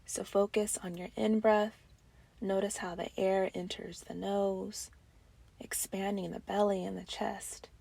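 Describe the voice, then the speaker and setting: Her mid-range voice barely shifts in pitch as she guides a breathing meditation. Gentle and soothing, her breathy phrases often fade to a near-whisper, separated by long pauses.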